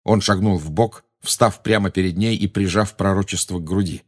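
A man reading a fantasy novel aloud in steady, measured dramatic audiobook narration. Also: low-pitched.

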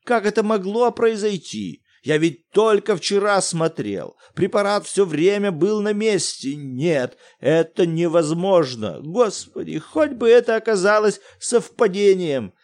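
A man voicing an excitable middle-aged academic in an audiobook, theatrical and loud. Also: mid-range voice, unhurried. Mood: alarmed. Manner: bellowing, theatrical, exclamatory.

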